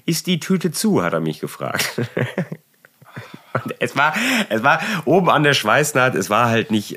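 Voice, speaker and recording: A man tells a story in relaxed conversation. He sounds exasperated and animated, stumbles over restarts and keeps tagging his sentences with quick checks. His delivery is casual and chatty. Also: fairly low pitch.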